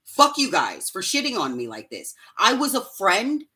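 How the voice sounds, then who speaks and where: A podcast host ranting angrily and profanely on a live stream, swinging between muttered asides and shouting. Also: female voice, mid-range voice, wildly swooping pitch, normal speed. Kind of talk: angry live-stream rant.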